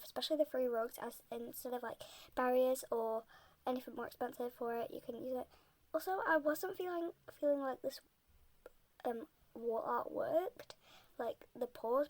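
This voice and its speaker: Sounding a bit ill, a young woman with a fairly high voice talks casually over gameplay about her building. She rambles softly and frequently drops into a half-whisper.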